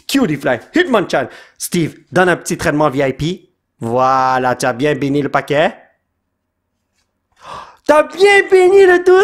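Excitable high-voiced Quebec French man. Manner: excitable, bursts into shouts and laughter, sprinkles English words. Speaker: card-opening channel host. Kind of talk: casual pack-opening commentary.

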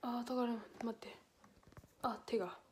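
A woman's voice: a little high, fairly even intonation, normal speed, a little mellow. Chatty young woman with a lilt. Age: young adult. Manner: chatty, reads letters aloud, emotional and near tears. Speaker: livestream idol host. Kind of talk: casual solo livestream chat. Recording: echoey room with faint noise.

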